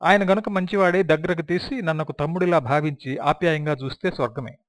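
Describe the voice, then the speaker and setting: A man's voice: on the high side, fairly quick, no echo, clean studio sound. A man reading a first-person memoir aloud as an audiobook, in a reflective storytelling manner. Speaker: audiobook narrator.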